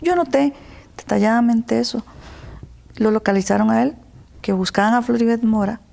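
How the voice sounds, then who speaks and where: A woman with a Costa Rican accent, telling her personal story in an interview, earnest and emotional, at times dropping to a soft whisper. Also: a little high, moderate pace, creaky. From Costa Rica. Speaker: interview guest.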